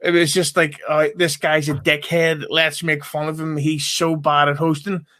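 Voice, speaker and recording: A man with a fairly high voice speaks earnestly on a podcast. He stumbles at the start of thoughts and swears bluntly. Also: little pitch movement, moderate pace, bright, forceful tone. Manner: earnest, profane, hesitant starts. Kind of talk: casual podcast chat.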